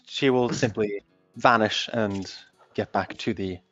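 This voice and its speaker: A man's voice: lowish voice, unhurried, fairly bright tone, muffled recording, soft background music. A man playing an assassin in a tabletop game, describing his moves with hesitant restarts. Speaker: player. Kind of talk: casual tabletop game chat.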